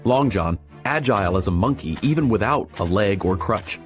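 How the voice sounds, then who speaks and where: Expressive male storybook narrator. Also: lowish voice, normal speed, faint music behind. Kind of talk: storybook reading.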